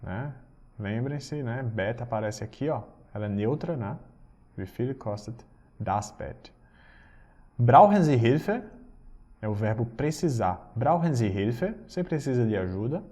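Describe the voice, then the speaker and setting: A man teaching German, explaining patiently and reading German phrases slowly. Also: mid-range voice, lively intonation, dark tone. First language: Portuguese. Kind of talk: recorded language lesson.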